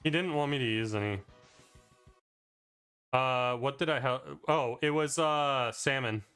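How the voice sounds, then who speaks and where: A man's voice: mid-range voice, measured pace, a bit bright, smooth, faint music behind. A man casually reviewing his own speedrun, talking loosely with plenty of "like" fillers. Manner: rambling, loose, with frequent "like" fillers. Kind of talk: casual commentary over gameplay.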